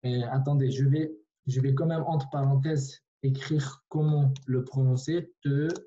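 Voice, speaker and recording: A man's voice: mid-range voice, fairly even intonation, unhurried, mellow, lo-fi sound. A man teaching a language online in a patient way, repeating himself with many fillers and restarts, over a video call.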